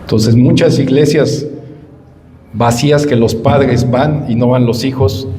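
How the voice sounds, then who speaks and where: A man's voice: mid-range voice, fairly even intonation, unhurried, mellow, in a large hall. A man preaching a sermon as pastor, stressing points by repeating words and acting out parents and children. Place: church hall.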